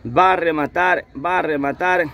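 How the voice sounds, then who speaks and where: A man's voice: a little high, fairly even intonation, moderate pace, gravelly, bright, forceful tone. A man giving live play-by-play football commentary, repeating his phrases over and over. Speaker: amateur football match commentator. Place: outdoors at a football pitch.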